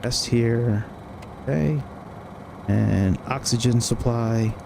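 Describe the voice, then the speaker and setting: Working through a checklist while streaming a flight simulator, a man thinks aloud casually in short, clipped phrases. His voice is mid-range, slow and creaky, set against the sim's cockpit ambience and engine noise.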